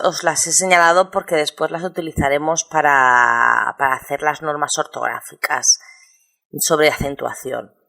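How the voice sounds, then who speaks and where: A woman's voice: deep voice, creaky, a bit bright. A woman, teaching a recorded lesson and explaining step by step. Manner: patient, explains step by step and spells out syllables slowly. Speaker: Spanish teacher. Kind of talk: recorded lesson on spelling rules.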